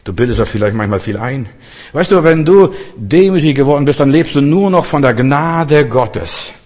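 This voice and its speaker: A man's voice: mid-range voice, animated, moderate pace, darkish tone. A man preaching a sermon, earnest and repetitive, speaking straight to his listeners. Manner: earnest, repeats phrases, addresses listeners directly. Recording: long reverb of a church hall.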